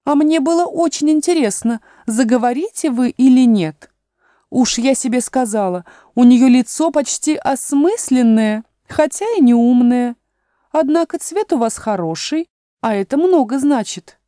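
A woman's voice: high voice, animated, a little slow, dark tone, no echo, clean studio sound, voice pushed up. A woman voicing a blunt, condescending talking rose in a storybook reading, snippy in manner. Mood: snide.

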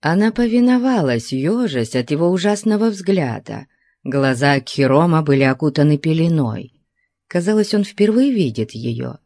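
A woman narrating a story in a slow, even reading. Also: low-pitched, no room sound, studio quality.

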